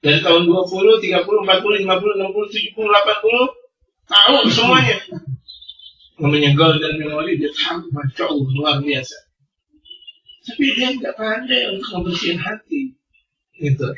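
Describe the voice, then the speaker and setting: A man preaching a sermon, animated and teasing, swinging between loud and soft. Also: high voice, brisk, long pauses. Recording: echoey hall, distant mic, dull sound.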